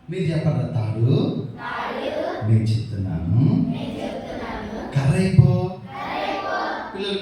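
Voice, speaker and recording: Animated man performing magic for children. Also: a little high. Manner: animated, calls out to children and prompts them to answer. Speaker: children's Bible school magician and teacher. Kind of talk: lively children's object lesson with magic tricks. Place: large echoey church hall. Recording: echoey hall, mic far off, noisy crowd.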